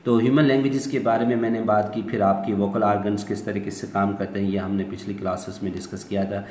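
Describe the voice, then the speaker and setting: A man's voice: on the low side, little pitch movement, quick pace, a little mellow. A man teaching an online English class, explaining patiently, mixing in English phrases and filler words. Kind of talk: online lecture. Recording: echoey room with faint noise.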